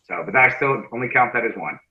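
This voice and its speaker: A man's voice: medium pitch, animated, fast talker. A man working as a criminal defense lawyer, telling stories in a casual interview in a brash, profane way. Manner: brash, profane, acts out quoted voices. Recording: echoey dull room sound.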